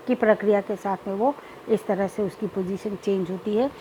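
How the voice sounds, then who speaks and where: A woman lecturer explaining childhood speech disorders in a measured teaching manner, slipping English terms into her explanations. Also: medium pitch, a little mellow, slight background noise, rough recording. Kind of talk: recorded lecture.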